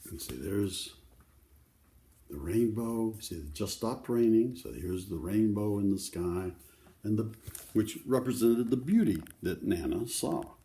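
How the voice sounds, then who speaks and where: A lowish, warm-toned older man reads a children's book a little slowly and with lively intonation. Between passages he offers the kids simple asides about the pictures.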